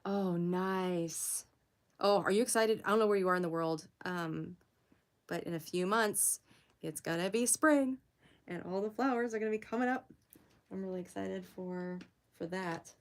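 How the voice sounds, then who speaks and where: A young woman hosting a casual art livestream, chatting with viewers as she works, giggling often and jumping up high to greet people. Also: moderate pace. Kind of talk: casual livestream chat while drawing.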